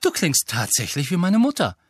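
A man's voice: medium pitch, very animated, normal speed, fairly bright tone, no room sound, clean studio sound. A man voicing a blunt, sarcastic teenage schoolboy in an audiobook. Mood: indignant. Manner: indignant, sarcastic.

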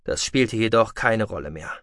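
A man reading science-fiction audiobook narration in a steady, measured way. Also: on the low side, no room sound, clean studio sound.

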